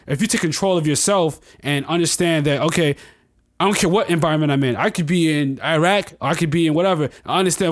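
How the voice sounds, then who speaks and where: A man gives his opinion casually as a panelist. His voice sits a little high and he talks fast. He comes across as earnest and explanatory. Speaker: discussion panelist.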